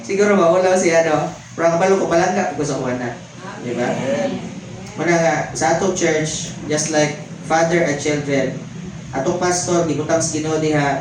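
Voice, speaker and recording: A man preaching a conversational sermon, mixing in English and calling out to the congregation. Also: on the high side. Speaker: pastor. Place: church hall. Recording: very echoey church hall, faint background noise.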